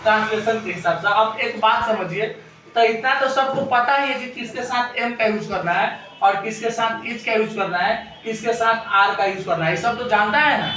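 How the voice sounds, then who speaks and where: High-voiced Indian teacher in an echoey room. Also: male voice, normal speed, bright, forceful tone, distant mic, a little hiss or hum. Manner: asks the class rhetorical questions and repeats answers. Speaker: English teacher. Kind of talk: classroom grammar lesson.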